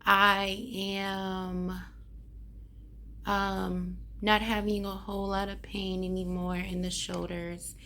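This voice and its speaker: A woman talks casually in a hoarse voice at a slow, halting pace, pausing to find her words. Her pitch sits in the middle for a woman. There is some background noise behind her as she gives a vlog update. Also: level tone, bright, forceful tone. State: hoarse after neck surgery. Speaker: vlogger giving a health update. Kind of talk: casual chat to camera.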